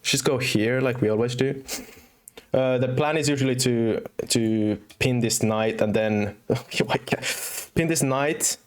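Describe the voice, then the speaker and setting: A young Finnish man speaks slowly at medium pitch, his Finnish accent mixed with British and American English. Streaming chess casually, he thinks aloud with plenty of fillers and restarts in live-stream commentary.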